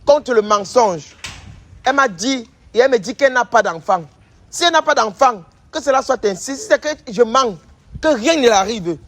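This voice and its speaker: A man's voice: extremely high pitch, expressive, moderate pace, fairly bright tone. A man playing a traditional healer who scolds and accuses, repeating his lines over and over. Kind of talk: staged confrontation sketch.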